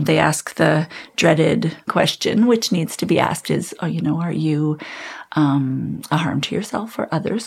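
A woman in her thirties, telling her own story as an interview guest in a candid, reflective, halting way. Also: deep voice, vocal fry, breathy edge.

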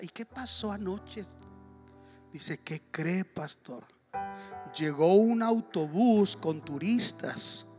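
A pastor man from Ecuador preaching a sermon, telling a story with bursts of excited exclamation. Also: a little high.

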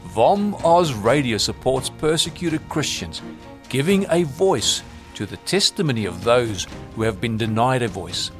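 A male announcer reads the station's introduction in an earnest, emphatic voice. His pitch rises and falls expressively. Soft music plays beneath him. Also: sing-song, unhurried. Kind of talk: scripted station promo voice-over.

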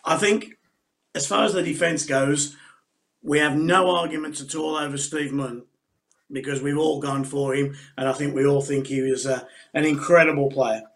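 A man co-hosting a sports podcast, leading the talk and telling lively anecdotes. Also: fairly high pitch, normal speed. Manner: animated anecdote teller, leads the discussion. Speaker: podcast co-host. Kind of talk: casual sports chat.

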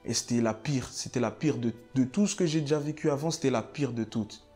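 A man giving a personal testimony in church, halting and repeating himself with many fillers. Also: mid-range voice, dark tone, soft background music.

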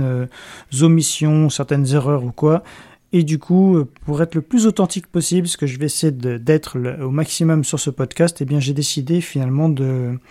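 Male podcast host, soft-spoken and hushed, mellow dark tone, informal and hesitant solo delivery. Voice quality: hushed, low-volume voice. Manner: hesitant, self-correcting, informal. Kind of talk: casual solo podcast talk.

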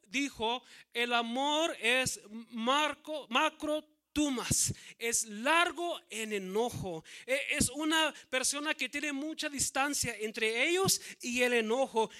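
A man pastor preaching a sermon, slowing to stress key words, often saying amen and repeating words. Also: very high-pitched, pushed and bright.

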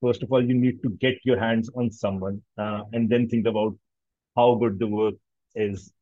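A man's voice: on the low side, fairly even intonation, normal speed, mellow, dry recording, highs cut off. A man with a Pakistani accent talking analytically in casual conversation, often rephrasing himself mid-sentence.

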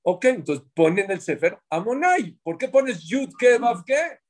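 A man's voice: sits high, sing-song, measured pace. A man teaching a Torah class to a small group, explaining points and asking the group questions before answering them himself.

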